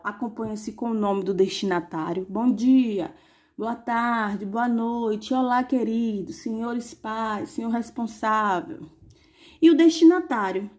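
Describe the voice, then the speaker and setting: A woman teacher reviewing a lesson for young pupils, saying examples slowly and asking rhetorical questions. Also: on the high side, darkish tone. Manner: slow, clearly spelled-out examples with rhetorical questions.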